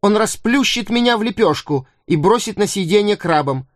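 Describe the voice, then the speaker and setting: A man's voice: sits high, lively intonation, no echo, clean studio sound, pitched above the performer's own voice. Turnip-Dode, a man putting on a timid fussy guard. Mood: anxious. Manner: nervous, hurried, dropping to a whisper. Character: timid married male guard, fearful and fussy. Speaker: audiobook narrator. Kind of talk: audiobook character voice.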